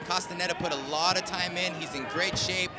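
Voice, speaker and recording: Male fight commentator, high voice, live play-by-play and analysis, noisy event background. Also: steady tone, brisk, a loud crowd.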